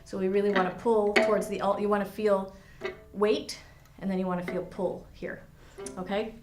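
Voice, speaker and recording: Woman viola teacher, mid-pitched, encouraging and descriptive, roomy studio sound. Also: flat delivery, moderate pace, darkish tone, faint music behind. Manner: encouraging, explains with imagery. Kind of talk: instructional lesson with demonstration. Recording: echoey room.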